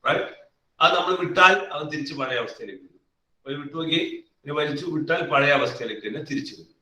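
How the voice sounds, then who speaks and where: A man's voice: a little high, animated, fast talker, pushed and bright. Man, physics teacher, live online class, calls on students, repeats key phrases, echoey room, distant mic. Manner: calls on students by name and coaxes answers.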